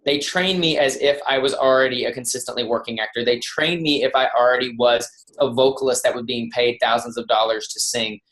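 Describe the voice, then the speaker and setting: A man's voice: mid-range voice, fairly even intonation, a little fast, fairly bright tone. A man speaking on a kickoff call, telling personal stories to motivate his team. His talk is loose and conversational, with many restarts, and he sometimes acts out the people he is quoting. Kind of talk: motivational storytelling.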